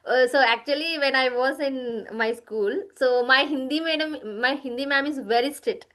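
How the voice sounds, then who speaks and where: A woman from southern India with a Telugu-influenced accent and Kannada as her mother tongue, chatting casually in a halting, repetitive way with frequent checking tags. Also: high-pitched, fairly even intonation, a bit bright. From Andhra, southern India. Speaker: guest English speaker in practice conversation. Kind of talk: casual conversational chat.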